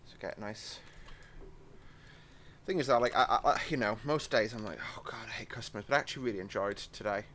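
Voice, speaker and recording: A lowish, slightly bright male voice moves briskly, with a little hiss or hum behind it. It belongs to a young British gaming channel host doing casual train-game commentary, rambling and chatty with apologetic asides.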